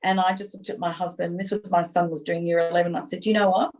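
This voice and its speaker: Animated middle-aged woman. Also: fairly low pitch, fast talker, low-quality recording. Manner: animated, acts out her own past dialogue. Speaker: interview guest. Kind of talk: candid personal storytelling.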